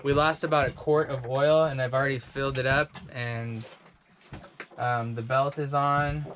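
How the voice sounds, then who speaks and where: Guy in his 30s doing a sailing vlog, explains stuff haltingly, boat noise behind him. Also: medium pitch, fairly even intonation, a bit bright. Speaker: sailing vlogger. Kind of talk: casual vlog to camera. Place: aboard a small sailboat at sea. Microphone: handheld camera at arm's length. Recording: wind, boat and engine noise.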